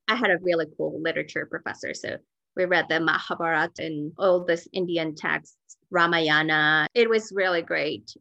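A woman from Mexico, a native Spanish speaker, tells personal stories candidly and informally as an interview guest. Her voice is lowish with a sharp tone, and the recording is dry and dull.

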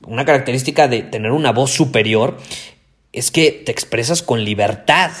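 A man with a Mexican accent hosting a podcast, talking loudly and intensely and repeating his key points for emphasis. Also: mid-range voice, moderate pace. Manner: loud, intense delivery. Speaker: podcast host. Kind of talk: motivational podcast monologue.

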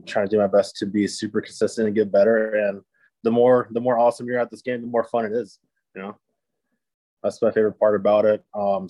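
Man, casual podcast guest, upbeat, pauses often, monotone delivery. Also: lowish voice, no echo, poor audio. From Japan. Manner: easygoing, upbeat, many "um" pauses. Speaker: podcast guest, disc golf player. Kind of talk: casual interview chat.

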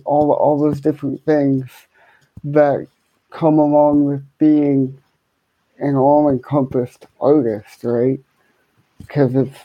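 A guitarist and musician appearing as a podcast guest answers interview questions conversationally, his words slurred by a speech impairment. He speaks deliberately and repeats words, at a medium pitch, and the audio is dull with no room sound.

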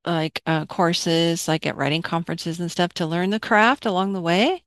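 A woman's voice: fairly low pitch, fairly even intonation, normal speed, fairly bright tone, dry recording, studio quality. A middle-aged woman hosting a casual interview, chatting expressively and acting out her own thoughts. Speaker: interviewer, host.

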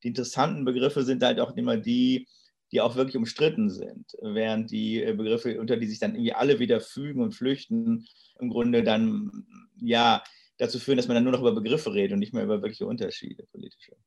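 A man giving thoughtful, halting interview answers with many restarts. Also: mid-range voice, little pitch movement, vocal fry, darkish tone, slightly rough, lo-fi sound. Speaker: interview guest, political thinker.

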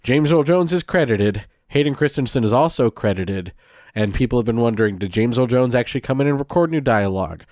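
A man's voice: medium pitch, expressive, fairly quick, darkish tone, no room sound, clean studio sound. A man hosting a podcast in casual chat, talkative and laughing often, quoting himself in asides. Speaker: podcast host.

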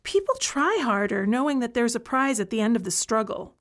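An actress delivers an audio play monologue as an incarcerated woman who tutors fellow prisoners. Her slightly high voice moves briskly with big pitch swings, frank and earnest as it builds toward a plea for change.

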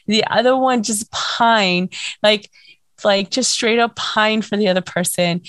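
Hoarse, nasal young woman chatting. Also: mid-range voice, no echo. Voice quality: scratchy, nasal. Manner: chatty, filler-heavy, excitable. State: hoarse, lost voice. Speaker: podcast host. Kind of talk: casual fan chat.

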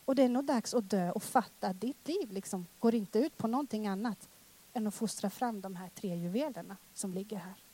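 A woman in her thirties preaching a personal testimony sermon, emotional and dramatic, swinging from loud exclamations to hushed words. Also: medium pitch.

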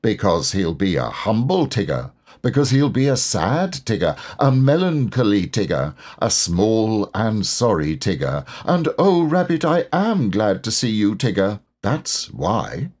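A man's voice: lowish voice, sing-song, unhurried, few pauses, a little mellow. A man voicing a bossy, self-important rabbit in a storybook, explaining things in a pompous and earnest manner. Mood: scheming, emphatic.

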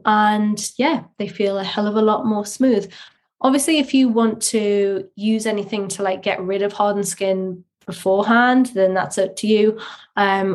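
Woman podcast host on low-quality audio. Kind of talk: casual solo podcast talk. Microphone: faulty microphone.

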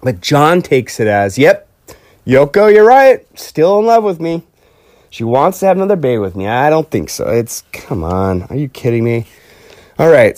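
Male podcast host, casual storyteller, mid-pitched, rambling and full of fillers, dry close recording. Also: darkish tone, no echo. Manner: rambling, lots of fillers and restarts, acts out quotes.

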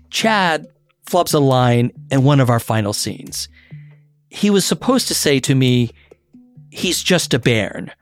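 Reflective middle-aged man narrating a memoir. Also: mid-range voice. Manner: measured and reflective, sometimes wry. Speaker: podcast narrator and actor.

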